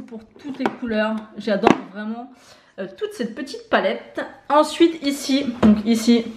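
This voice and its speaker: Casting note: fairly high-voiced woman, chatty beauty vlogger, lots of "euh", echoey home room with faint noise. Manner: chatty, many fillers, lists items one by one. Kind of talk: casual makeup collection tour.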